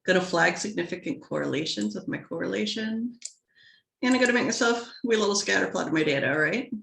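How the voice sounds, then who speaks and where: A woman's voice: mid-range voice, animated, fast, gravelly, a bit bright, echoey room. A woman teaching statistics in a casual recorded lecture, chatty and playful, interrupting herself and adding little sound effects. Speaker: statistics instructor.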